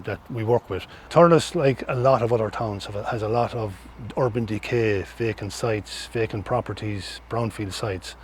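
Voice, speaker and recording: A man's voice: mid-range voice, a little mellow, slight background noise. A middle-aged man with an Irish accent giving earnest, explanatory interview answers, often repeating and restarting phrases. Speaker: interviewee, social housing organisation representative.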